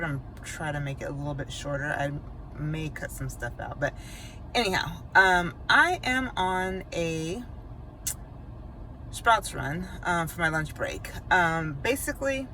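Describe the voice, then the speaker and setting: A woman's voice: fairly low pitch, pushed and bright, a little hiss or hum. A woman in her late forties rambling casually in a personal vlog, with frequent fillers and restarts. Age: 40s. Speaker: vlogger.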